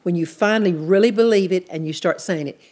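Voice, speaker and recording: A woman's voice: on the low side, quick pace, darkish tone. A woman teaching a sermon in an earnest, plainspoken way, repeating her key points. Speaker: Bible teacher.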